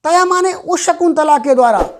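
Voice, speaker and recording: A woman's voice: high-pitched, expressive, moderate pace, background noise. A woman teaching a Sanskrit verse, repeating each word and explaining its meaning one by one. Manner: repeats each word then glosses it with "माने".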